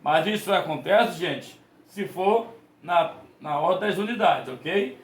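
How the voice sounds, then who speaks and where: A man with a fairly high voice teaches a math class, patient and repetitive, often asking questions he then answers himself. He restarts his sentences to correct himself. The recording has a noticeable room echo. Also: animated, slow. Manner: patient, repeats points and asks rhetorical questions. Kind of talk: explaining a lesson to students. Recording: echoey room.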